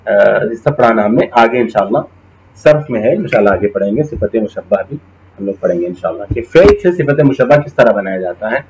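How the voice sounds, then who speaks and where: A man's voice: mid-range voice, a little mellow, lo-fi sound. A male Islamic studies teacher giving a classroom lecture, explaining Arabic terms, checking in with his students and reciting Quranic verses.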